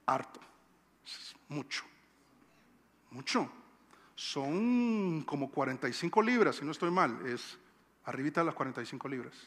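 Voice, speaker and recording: A man's voice: on the high side, lively intonation, normal speed, fairly bright tone. A male pastor with a Colombian Bogotá accent, preaching a conversational sermon and repeating phrases for emphasis. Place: church sanctuary. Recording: long church-hall reverb.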